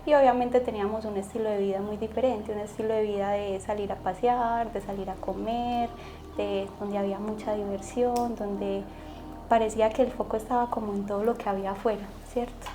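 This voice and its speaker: A woman's voice: medium pitch, steady tone, a little fast, warm tone, a little hiss or hum. A young woman from Colombia, a guest telling a personal story, vividly acting out the dialogue.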